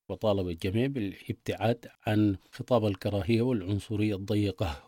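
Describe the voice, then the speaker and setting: A man's voice: on the low side, warm tone, no room sound, studio quality. A man reading scripted radio news as a presenter.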